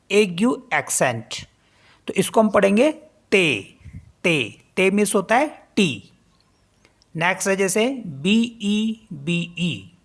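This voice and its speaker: Slow, low-voiced woman teaching French. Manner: spells words letter by letter, repeats each pronunciation slowly; explains in Hindi mixed with English words. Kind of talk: spoken language lesson.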